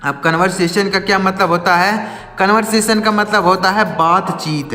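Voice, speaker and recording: A man's voice: high voice, fairly even intonation, normal speed, bright, forceful tone. A man teaching English vocabulary in Hindi, spelling each word letter by letter, asking questions and answering them himself, over faint music. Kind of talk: spoken Hindi lesson. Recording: echoey room with long reverb.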